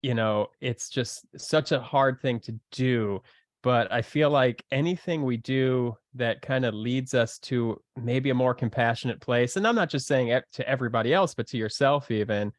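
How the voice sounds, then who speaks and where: A man's voice: mid-range voice, moderate pace, no room sound. Earnest male podcast guest, dry sound. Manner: earnest, searching for words with many fillers. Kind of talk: casual conversation.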